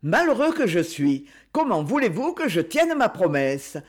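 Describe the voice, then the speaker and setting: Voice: medium pitch, very animated, normal speed. An audiobook reader voicing an impetuous, gallant young man in a declamatory way, close to the narrating voice. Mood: indignant.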